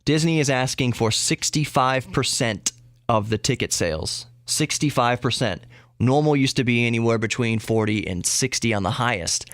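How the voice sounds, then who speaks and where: A man of medium pitch and a slightly bright tone talks at a moderate pace, heard in a dry, clean studio recording. Alone at the mic as a podcast host, he covers tech and geek news casually, rambling, interrupting himself and repeating words for emphasis.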